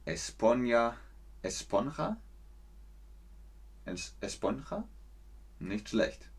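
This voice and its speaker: A man with a Rhineland German accent, hosting a casual livestream lesson and explaining things slowly, with repeats of key sentences. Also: mid-range voice, sing-song, slightly rough. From Cologne, Germany. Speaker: German teacher, livestream host.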